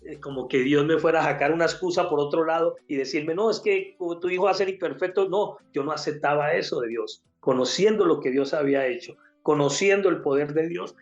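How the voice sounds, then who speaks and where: An older man with a Colombian accent shares a personal faith testimony. He tells it with emotion and gives each person in the story a voice of their own. The recording sounds a little dull, and faint music plays underneath. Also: a little high. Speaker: guest giving a testimony.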